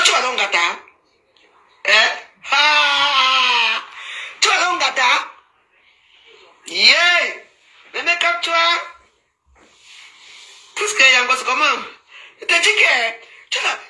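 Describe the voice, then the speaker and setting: A woman's voice: sits high, lively intonation, slow, long pauses, bright, forceful tone. A woman doing a casual Facebook live, teasing and scolding with frequent laughter. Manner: teasing, mocking, laughs often, scolding asides. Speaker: social media commentator. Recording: roomy echo, faint background noise.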